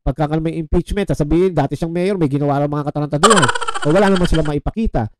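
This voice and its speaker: A man's voice: a little high, very fast, very noisy. A man in a casual political commentary vlog, mixing Tagalog and English as he talks straight to his viewers. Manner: animated, switches between Tagalog and English; addresses viewers as "mga chong".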